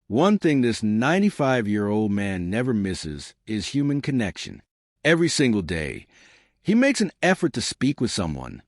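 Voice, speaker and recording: A man's voice: fairly low pitch, no echo, clean studio sound. A man reading scripted narration for a health advice video, as the narrator.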